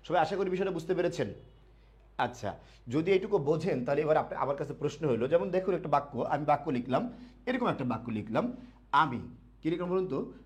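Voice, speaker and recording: Teaching a live online grammar class to admission students, a man poses questions and answers them himself, slowly repeating key words. His voice sits on the high side, animated and a little mellow.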